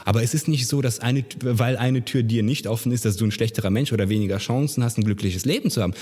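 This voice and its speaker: A young man co-hosting a podcast, talking fast and driving his points home with sarcastic emphasis. His voice is husky, and a long reverb hangs behind it. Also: mid-range voice, mellow. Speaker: podcast co-host. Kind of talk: casual podcast chat.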